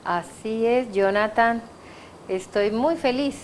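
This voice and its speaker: A woman from Guatemala with a Guatemalan accent, giving her testimony as an excited, laughing guest who trips over her words. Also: a little high, takes it slowly, a little hiss or hum. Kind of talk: casual interview chat.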